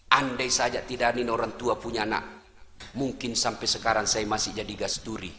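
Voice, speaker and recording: A preacher acting out a humble wife whispering a grateful prayer. The voice sits far below his usual pitch and stays hushed, with the hall reverb hanging around it. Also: little pitch movement, fairly quick, slight background noise. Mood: prayerful. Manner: soft, prayerful. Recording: echoey hall.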